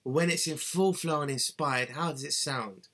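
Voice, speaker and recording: With a fairly high pitch and a fairly bright tone, a man in his thirties speaks at normal speed to his webcam. He's a singing tutor giving a scripted, earnest how-to lesson from a small, cluttered bedroom, gesturing with both hands as he instructs.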